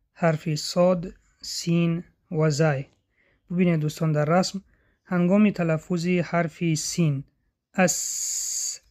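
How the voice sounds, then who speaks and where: A tajweed teacher, explaining in a measured way and demonstrating letter sounds slowly and drawn out. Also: mid-range voice, a little mellow. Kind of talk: instructional explanation.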